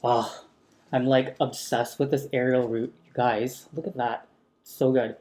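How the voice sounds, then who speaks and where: A man talking casually while repotting a houseplant at home, gently enthusiastic, speaking into a sensitive close mic turned up for ASMR. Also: mid-range voice, flat delivery, a little slow. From San Francisco area. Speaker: plant vlogger. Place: home room with a chandelier.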